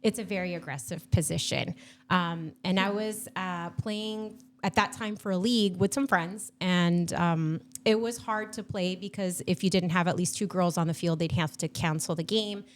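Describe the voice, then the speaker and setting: A woman's voice: lowish voice, fairly even intonation, normal speed, a little hiss or hum. A woman in her thirties from Argentina, chatting enthusiastically as a podcast guest with plenty of fillers. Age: 30s. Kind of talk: casual chat.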